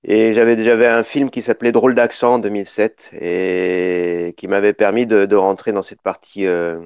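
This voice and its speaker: Speaking at a moderate pace with fairly even intonation, a middle-aged filmmaker from Paris explains his documentary work at length on radio, restarting sentences often. His fairly low, darkish voice sounds clean, with no echo in the dull, dry studio.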